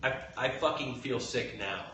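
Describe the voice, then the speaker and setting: A man's voice: mid-range voice, normal speed, sharp tone. A man co-hosting a podcast in casual chat, joking and easygoing, at a rural workshop. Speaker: podcast co-host. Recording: roomy, distant and noisy.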